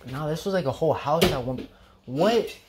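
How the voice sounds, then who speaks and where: A man's voice: fairly high pitch, animated, moderate pace. A young man chatting loosely and swearing as he explores an abandoned building. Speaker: explorer vlogger. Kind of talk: casual exploring chat. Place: outdoors in a weedy field and inside an abandoned building. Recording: noisy outdoor camera audio.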